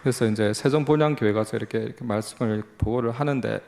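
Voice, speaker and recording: Gravelly Busan-accented missionary preacher. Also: male voice, mid-range voice, fast, a little mellow. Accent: Gyeongsang (Busan). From Busan, South Korea. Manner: folksy, self-deprecating, many fillers and restarts. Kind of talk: sermon, conversational testimony. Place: church sanctuary.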